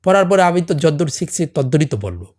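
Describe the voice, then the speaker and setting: Casting: middle-aged man, slightly higher voice, Hindi native speaker with a Bengali accent, earnest, keeps asking "understand?". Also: big pitch swings, fast, darkish tone. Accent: non-native Bengali, from a Hindi-speaking camp community. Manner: earnest, presses with rhetorical questions like "understand?". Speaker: podcast guest, salon owner. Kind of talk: casual chat.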